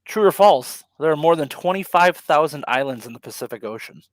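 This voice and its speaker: A man's voice: fairly high pitch, expressive, brisk, no echo. Laid-back man hosting a live stream. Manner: laid-back, laughs often, many ums. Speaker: co-host of a live ocean talk stream. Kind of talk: casual live-stream chat.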